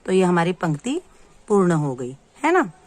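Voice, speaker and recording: A woman teaching young children, reading words aloud slowly for them to repeat and explaining each one patiently. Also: lowish voice, very animated, dry recording. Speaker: primary school teacher. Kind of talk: slow, clear classroom lesson for young children.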